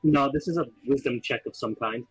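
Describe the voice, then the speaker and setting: A man's voice: mid-range voice, fairly quick, breathy edge, no echo, rough recording. A man chatting casually as a player in a tabletop fantasy game.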